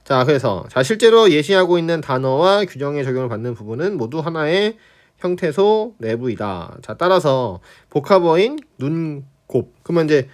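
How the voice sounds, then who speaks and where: A Korean language teacher lecturing on spelling rules, repeating key phrases and checking in with students. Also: male voice, a little high, very animated, normal speed.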